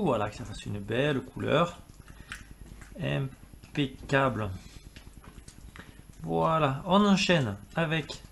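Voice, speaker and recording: A man's voice: medium pitch, background noise. A man talking casually through a home cooking demonstration, chatty with jokey asides while he works. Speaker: cooking video host.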